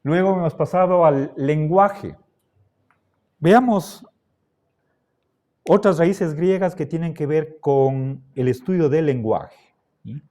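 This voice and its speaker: A man teaching a class, lecturing deliberately and checking in with his students again and again. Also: fairly high pitch, a little mellow. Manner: slow, deliberate, checks understanding with frequent "¿sí?".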